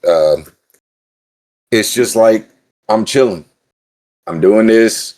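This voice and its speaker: A man's voice: on the low side, slow pace. A man co-hosting a casual podcast, venting heatedly and swearing a lot about a friend's blame. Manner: profane, venting, animated. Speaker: podcast co-host. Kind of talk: casual chat.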